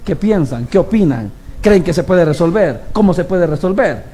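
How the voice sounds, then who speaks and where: A man's voice: high voice, animated, normal speed, mellow. A man preaching a sermon, telling stories animatedly, acting out the people he quotes and putting rhetorical questions to the congregation. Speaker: lay preacher.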